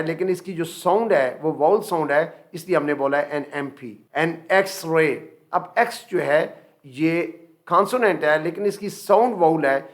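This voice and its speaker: A middle-aged man with a Pakistani accent gives a grammar lecture in a fairly high voice. He explains each point step by step and slows right down to spell out every example sentence. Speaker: English grammar teacher. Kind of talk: classroom lecture.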